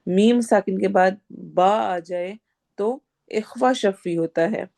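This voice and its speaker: A woman's voice: medium pitch, vocal fry, mellow. A woman teaching recitation in an online class, in a firm, corrective teacher's tone. She breaks each phrase into syllables and explains every rule in turn, carefully and methodically.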